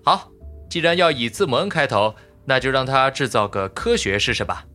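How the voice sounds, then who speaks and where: A smug male robot constructor in an audiobook, voiced by a man. He lectures with a needling edge in a bright, lively voice pitched a little high, with faint music behind. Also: normal speed. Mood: scoffing. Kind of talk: audiobook character voice.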